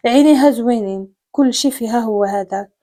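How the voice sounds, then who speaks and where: A woman with a Moroccan accent narrating a dramatic story in a steady storytelling manner. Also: on the high side, fast talker. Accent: Moroccan Arabic.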